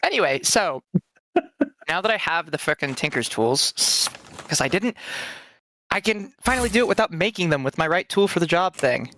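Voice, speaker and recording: A man's voice: on the high side, expressive, sharp tone. A man playing in a tabletop game, chatting casually, joking and laughing as he talks. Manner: laughing, joking, quick to interrupt. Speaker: player. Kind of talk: casual chat.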